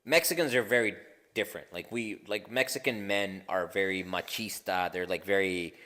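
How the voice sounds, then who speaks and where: A man's voice: sits low, moderate pace, bright, forceful tone, big-room sound. A man co-hosting a casual podcast, talking in a loose, profane and laughing way with lots of restarts. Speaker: podcast co-host.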